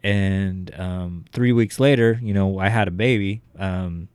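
A young adult man with a lowish voice tells a long, meandering story in a loose podcast chat, swearing freely and padding his sentences with fillers. The sound is dry and close-miked, with no room around it. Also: steady tone, measured pace, darkish tone, clear, resonant tone, no echo. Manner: rambling, profane, heavy fillers. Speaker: podcast co-host.

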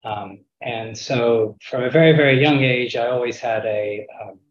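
A man giving reflective interview answers in a measured way, pausing mid-thought. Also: mid-range voice. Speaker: interview guest, architect. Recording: roomy, dull lo-fi internet call.

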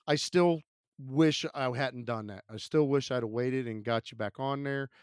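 A man's voice: medium pitch, moderate pace, smooth, no room sound. Guy co-hosting a movie podcast, kinda sick voice, chatty, dry close mic. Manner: chatty, upbeat, frequent fillers. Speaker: podcast co-host. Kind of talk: casual podcast chat.

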